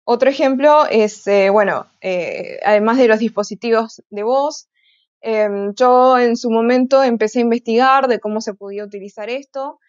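A woman's voice: fairly high pitch, normal speed, clean tone, dry recording, highs cut off. A woman giving an online tech conference talk, hesitant, with frequent filler sounds and restarts. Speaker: conference speaker.

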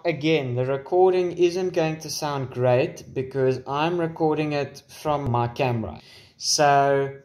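Speaking on the high side, a man in his twenties presents a casual, informal how-to demo with wry, joking asides and mild swearing. The setting is a small room at home. The camera's built-in microphone records him from varying distances.

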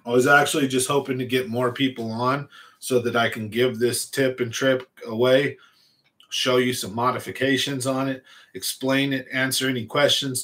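A forty-year-old man rambles through a casual fishing livestream, answering viewers as he goes. He speaks at an ordinary pitch, close to a large studio mic in a small, cluttered room at home. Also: fairly bright tone. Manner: rambling, laid-back, reads and answers chat. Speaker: fishing channel host. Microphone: large studio mic on a stand in front.

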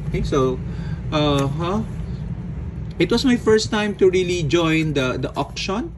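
A man from the Philippines casually narrating an unboxing, relaxed, with frequent "okay"s and fillers. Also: a little high. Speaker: unboxing vlogger. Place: indoors at a table. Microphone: phone or camera filming hands overhead. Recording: home recording with audible background noise.

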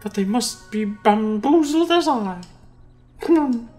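A woman's voice: a little high, lively intonation, slow, darkish tone. A woman doing a prim, flustered hostess. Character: fussy polite woman entertainment organizer. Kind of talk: reading game dialogue aloud. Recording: faint game music behind.

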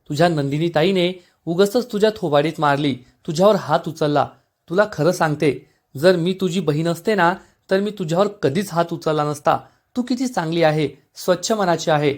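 A man's voice: fairly high pitch, lightly acted. A man reading out the lines of a scheming young woman who coaxes and confides.

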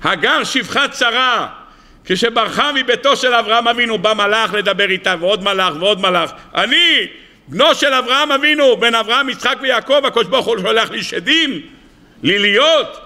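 A man's voice: extremely high pitch, lively intonation, pushed and bright, pitched above the performer's own voice, exaggerated voice. A man voicing a revered elderly male sage who declaims emphatically. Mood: aggrieved. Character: revered old sage, male, pleading to heaven.

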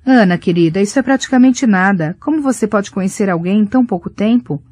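A woman's voice: medium pitch, animated, fairly quick, natural voice. A woman reading as a tender, worried mother. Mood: tender, concerned. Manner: gentle, soothing and anxious. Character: warm worried middle-aged mother on the phone.

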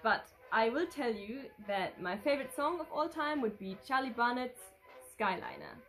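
With soft music playing, a twenty-something woman who speaks German natively reads fan questions aloud in her casual vintage fashion vlog, then rambles her answers. Her voice is a little high, animated and fairly bright at a moderate pace, set against a red curtain and sofa in her living room.

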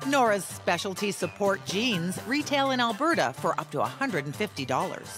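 A woman giving measured, scripted TV narration. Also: medium pitch, very animated. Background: loud music.

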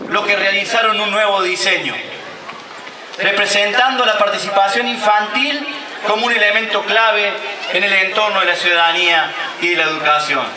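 A man's voice: high voice, background noise. A man in his thirties with an Argentine accent, a mayor reading a formal speech at an outdoor ceremony. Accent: Argentine Spanish. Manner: declamatory, reading a prepared speech. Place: outdoor covered stage at a public ceremony. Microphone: stand mic at a lectern. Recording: echoey outdoor PA sound from far off.

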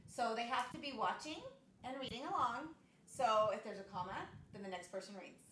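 A woman's voice: fairly high pitch, expressive, a little fast, fairly bright tone. A woman co-hosting a casual live panel chat, joking and poking fun at herself. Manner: joking, self-deprecating. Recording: echoey room, far from the mic, background noise.

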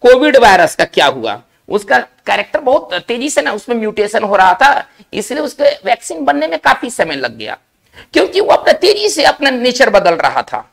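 Lively gravelly-voiced male teacher. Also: extremely high pitch. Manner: explains slowly in Hindi, often checks with "isn't it?". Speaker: English vocabulary teacher. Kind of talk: recorded spelling and vocabulary lesson.

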